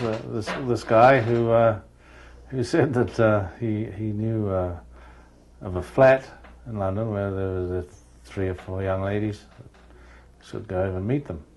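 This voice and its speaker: A man's voice: lowish voice, a little mellow. Hesitant man. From New Zealand. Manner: hesitant, with many fillers. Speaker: interviewee. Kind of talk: candid interview recollection.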